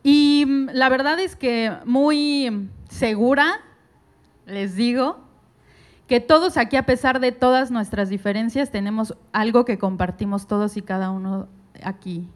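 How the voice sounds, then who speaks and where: A woman's voice: a little high, unhurried. A woman from Mexico speaking on a panel to an audience, earnest and personal, addressing them directly.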